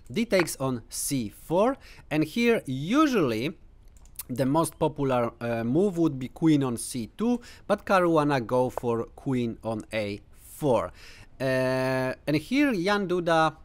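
This man, in his thirties, is Polish by birth and accent, and he chats his way through a chess game for the camera indoors at home, bookshelves around him. His mid-range voice moves at a relaxed pace, peppered with "uh" fillers while he reasons out loud and teases playfully.

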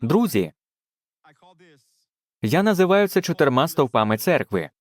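A man's voice: a little high, big pitch swings, measured pace, no room sound. A man preaching a dubbed sermon in a fervent way, with frequent exclamations of praise.

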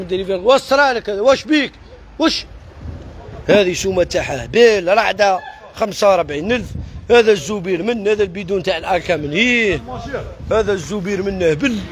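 Fast high-voiced Algerian man hawking goods. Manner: rapid hawking, repetitive calls. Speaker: shop seller on a live stream. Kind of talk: live sales pitch. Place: shop.

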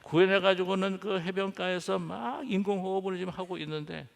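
A man's voice: high voice, steady tone, fairly quick, creaky. A man preaching a sermon as pastor, telling stories and acting out their dialogue. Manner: acts out the dialogue of the people in his stories. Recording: long hall reverb.

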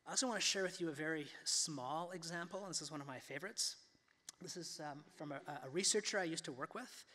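A man in his fifties gives a keynote from a lectern in a large auditorium. His voice is bright and sits a little high, and he talks in a loose conversational way, full of fillers and restarts. A long reverb from the hall trails behind each phrase. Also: quick pace. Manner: conversational, gestures a lot, many fillers and restarts. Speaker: keynote speaker. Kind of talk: conference keynote talk. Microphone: lectern microphone.

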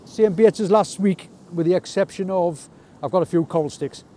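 At night on a rocky shore in wind and rain, an angler vlogger from North East England narrates his fishing casually, with understated, self-deprecating humour. His voice is high and warm, at a moderate pace. The outdoor camera audio picks up faint wind noise.

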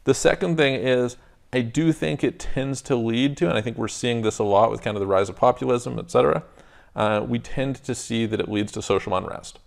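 Gravelly man reasoning step by step. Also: mid-range voice, a little fast. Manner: thoughtful, restarts often, argues in steps. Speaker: podcast co-host. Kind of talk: casual debate chat. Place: studio lounge set with armchairs.

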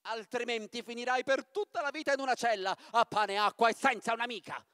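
A man voicing an old hooded witch in a fairy tale read aloud, in a shrill and threatening manner. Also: a little fast, sharp tone, clean tone, no room sound, studio quality. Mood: menacing.

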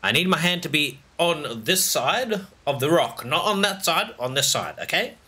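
A man's voice: fairly high pitch, big pitch swings, moderate pace, bright, forceful tone, breathy edge. A man giving let's play commentary, talking to himself as he plays, with frequent exclamations and laughter. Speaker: gaming channel host.

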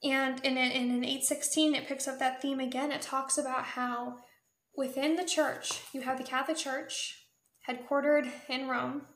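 A young woman in her twenties hosting a faith video, explaining in an earnest, measured way with small restarts, speaking to a camera in a small room. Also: high voice, little pitch movement, roomy sound. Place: small indoor room before a patterned curtain.

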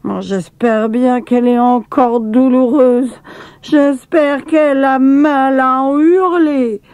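A woman voicing an excitable old woman servant with piercing, dramatic cries in a storybook. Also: high-pitched, takes it slowly, no room sound, muffled recording, pitched above the performer's own voice. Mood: nosy.

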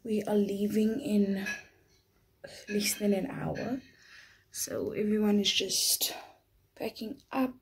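A woman's voice: medium pitch, a little mellow, husky, low-quality recording. A young woman, chatting casually and slangily in a travel vlog, sometimes dropping to a whisper. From South Africa. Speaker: vlogger. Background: background music.

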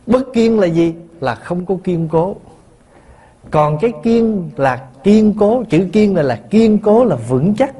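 A man gives a Buddhist sermon with a voice pitched a little high. He tells stories and keeps asking his listeners questions. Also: expressive, a little slow, mellow. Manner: storytelling, asks the listeners questions, chuckles. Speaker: Buddhist monk teacher. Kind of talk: dharma talk sermon.

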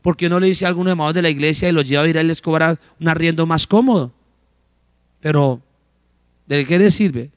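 A pastor delivers a sermon in a somewhat high male voice, speaking a little fast with long pauses. He poses questions to the congregation and answers them himself, acting out brief dialogues between characters. The sound is dry and close, without room echo.

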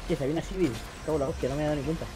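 A man's voice: a little high, fairly even intonation, rapid-fire, noisy background. A man chatting casually while playing along, making wry remarks and swearing. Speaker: co-player. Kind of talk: casual gameplay chat.

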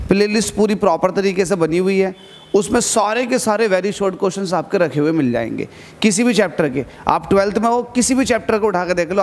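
In a big hall, a male physics teacher with a high voice runs an exam-prep lesson. He spurs his students on, repeats the key points, and poses questions that he answers himself.

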